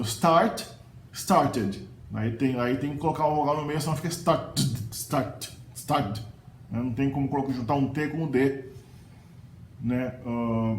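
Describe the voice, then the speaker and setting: A man's voice: fairly high pitch, a little mellow. Brazilian man teaching pronunciation in echoey room. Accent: Brazilian Portuguese. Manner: explains patiently, repeats example words slowly. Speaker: language teacher and mentor. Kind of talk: casual explanatory lesson. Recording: echoey room with faint noise.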